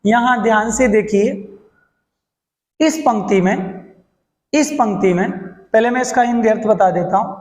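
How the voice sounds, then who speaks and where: A male Hindi teacher teaching verse meter, who recites lines slowly, then explains quickly and keeps asking his students questions. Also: high voice, a little mellow. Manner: quizzes students with questions, then answers himself. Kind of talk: classroom lesson on poetic meter. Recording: echoey hall.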